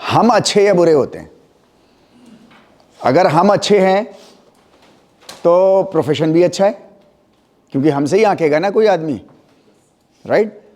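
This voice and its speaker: Male lecturer, middle-aged, slow and a bit high-voiced, drills pronunciation. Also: expressive, a little mellow. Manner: mixes Hindi and English, spells terms letter by letter; stresses pronunciation, asks checking questions. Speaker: anatomy teacher. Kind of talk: classroom lecture.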